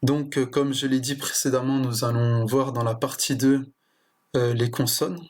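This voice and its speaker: A man teaching a language lesson in a plain explanatory way, often pausing with fillers and restarting his sentences. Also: mid-range voice, flat delivery, a little mellow. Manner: hesitant, with frequent fillers and restarts.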